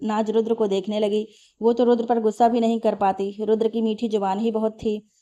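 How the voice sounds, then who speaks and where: A woman storyteller reading a family story aloud in a steady, even way. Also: a little high, brisk, muffled recording. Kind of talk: read-aloud story narration.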